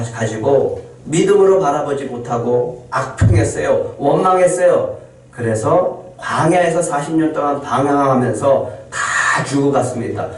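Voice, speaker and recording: A male pastor preaching a Sunday sermon, pausing for effect and acting out quoted complaints. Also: mid-range voice. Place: church sanctuary. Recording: loud echo, distant mic in church hall.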